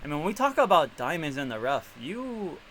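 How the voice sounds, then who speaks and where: A man hosting a casual interview, asking chatty, animated questions with slang. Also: a little high, fairly quick, a little hiss or hum. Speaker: interview host.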